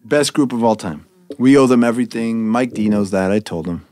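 A man's voice: medium pitch, fairly quick, no room sound, studio quality. A man from Montreal, a guest musician telling stories in a casual interview, full of "like" fillers. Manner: animated storytelling, many "like" fillers.

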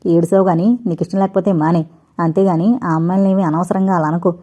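A woman voicing a sensible, firm young man who speaks calmly, in an audiobook reading. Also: fairly low pitch, a little fast, natural voice. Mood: stern. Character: sensible, stern young man, elder brother.

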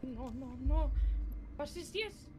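A woman's voice: sits high, lively intonation, slow. A woman playing a frightened young woman in a live game roleplay who panics, babbles to herself and slips into Spanish exclamations. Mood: panicked. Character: frightened young woman lost in a horror scene. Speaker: roleplay streamer. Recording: game noise behind the voice.

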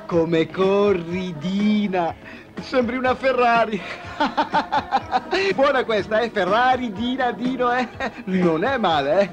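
A man's voice: sits high, slow pace. An actor playing a clumsy, joking man flirting with a woman in a comedy film. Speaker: film character. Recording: film soundtrack with music.

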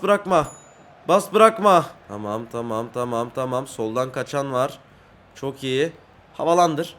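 An excitable man talks his way through a football video game with a fairly high voice. He swings between shouting at teammates and calm muttering, with a faint hiss of noise under his voice. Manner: excitable, shouting at teammates, singsong gloating after goals. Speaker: gaming YouTuber. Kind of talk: live football game commentary.

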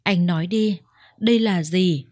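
A woman's voice: lowish voice, unhurried, darkish tone, dry recording, clean studio sound. A woman voicing a betrayed young wife who speaks in a trembling, accusing way. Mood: angry. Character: young wife, hurt and angry.

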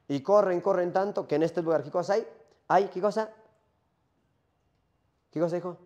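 A man's voice: sits high, moderate pace, a little mellow, highs cut off, pitched above the performer's own voice, lightly acted. A man acting out a lonely male Minotaur who longs for death, speaking in a rambling first-person monologue full of rhetorical questions.

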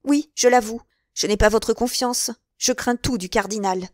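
A woman's voice: a little high, moderate pace, dry recording, clean studio sound, voice pushed up, lightly acted. A woman reader voicing a scheming, guarded noblewoman in an audiobook, with controlled, wary questions.

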